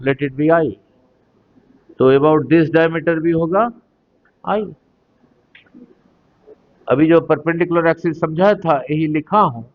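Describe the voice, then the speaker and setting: A physics teacher lectures at a deliberate, unhurried pace, stopping often to ask the class whether they follow. His voice sits a little high for a man. The recording sounds dull and lo-fi. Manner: slow, deliberate explaining, mixing Hindi and English, asking the class questions.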